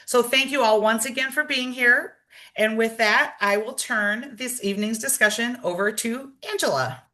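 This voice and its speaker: A woman opening an online community session as its host, reading a scripted welcome in a measured, formal way over a video call. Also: fairly high pitch, sharp tone. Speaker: event organizer and host.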